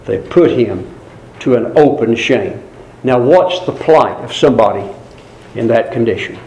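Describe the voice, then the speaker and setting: A man preaching a sermon, stressing and repeating key phrases, rising sharply for emphasis and dropping low for grave asides. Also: animated, unhurried, a little mellow. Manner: swings between high emphatic peaks and low grave asides; quoted crowd voices in raised pitch. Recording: echoey room.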